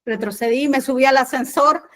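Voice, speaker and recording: A woman's voice: sits high, fairly quick, a bit bright. An Argentine woman preaching a sermon, telling a personal story and acting out the dialogue with animation. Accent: Argentine Spanish.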